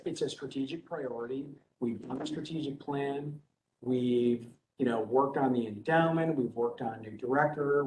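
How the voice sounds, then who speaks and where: A man's voice: medium pitch, dark tone. A man chairs a board meeting over a video call and keeps the discussion moving in an easygoing, chatty way. His voice rings in a reverberant room, and a faint hiss runs underneath it. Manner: loose and conversational, with fillers like "you know". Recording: echoey room with faint noise.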